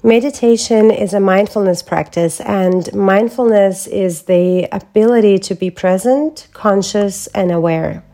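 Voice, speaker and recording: A woman hosting a wellness podcast, speaking as a holistic health coach in a calm, measured, reflective way from a prepared script. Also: medium pitch. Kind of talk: scripted solo podcast talk.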